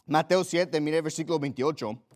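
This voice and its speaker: A man's voice: on the high side, normal speed. A man preaching a sermon in an earnest, emphatic way, repeating his key phrases. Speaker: pastor.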